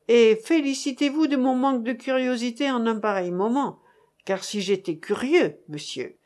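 A woman voicing a pompous old man, a revolutionary judge who blusters loudly, then drops to anxious whispers. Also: very high-pitched. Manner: bombastic, swinging between bluster and whispers.

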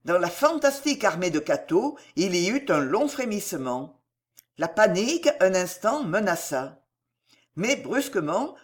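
Lively, dramatic audiobook narrator. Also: medium pitch. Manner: dramatic, vivid storytelling. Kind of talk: scripted narration of a historical adventure novel.

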